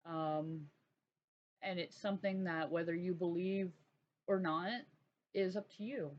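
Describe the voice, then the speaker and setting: A woman hosting her own channel, telling a personal story in a halting, earnest way with many restarts. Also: on the low side, steady tone. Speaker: art channel host. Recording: dull lo-fi sound with faint noise.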